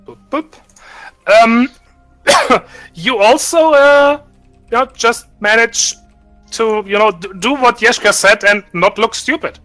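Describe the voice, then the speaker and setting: A man narrating a tabletop role-play session as game master, halting with many restarts and fillers. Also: extremely high pitch, pushed and bright, soft background music.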